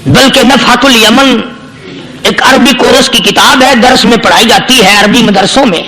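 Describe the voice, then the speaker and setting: Man preaching, very high voice, emphatic repeated phrases, echoey hall. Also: a crowd in the background. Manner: rising emphatic repetition, storytelling. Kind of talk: sermon.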